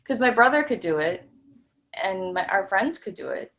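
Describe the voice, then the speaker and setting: Recorded with dull, lo-fi sound, a client in a tapping demo softly repeats phrases and haltingly describes a memory from childhood, tripping over her words and starting again. Her medium-pitched voice swings widely in pitch at a moderate pace.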